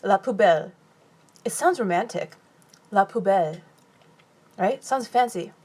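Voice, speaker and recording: Eating while she live streams from her phone, a young woman from California answers viewers' questions in a mid-range, slightly mellow voice with lively intonation. Her manner is chatty: she reads comments aloud and responds with quick bursts of laughter.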